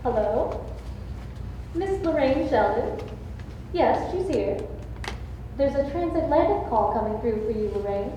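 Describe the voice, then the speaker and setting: Sardonic secretary, dry and wry, a woman playing her, high voice, far off in an echoey hall. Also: expressive, unhurried, pauses often, warm tone, slight background noise. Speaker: stage actor. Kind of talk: live community stage play. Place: large auditorium stage. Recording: distant, dull, echoey hall sound.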